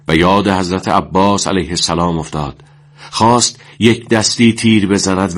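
A man reading a war story aloud in a solemn, measured way. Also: low voice. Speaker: narrator.

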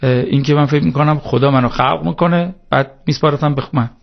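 Gravelly man arguing religious points. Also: on the high side, fairly even intonation, highs cut off. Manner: preachy, argumentative, hesitant fillers. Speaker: guest speaking on religion. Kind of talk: studio talk-show discussion.

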